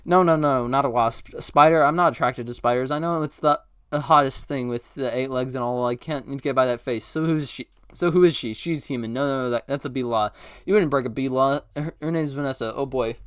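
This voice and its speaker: A man's voice: mid-range voice, fairly even intonation, a little fast, fairly bright tone, clean tone, no echo, clean studio sound. A man reading a film script aloud at speed, tripping over words and correcting himself. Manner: stumbling, self-correcting, breathless. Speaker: script reader. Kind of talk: rapid comedic script read-through.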